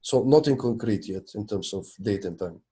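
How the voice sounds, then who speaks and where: A man's voice: on the low side, expressive, normal speed, warm tone, slightly rough. A man talking casually on a video call during a technical meeting, thinking aloud as he checks documents. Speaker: project maintainer in a video meeting.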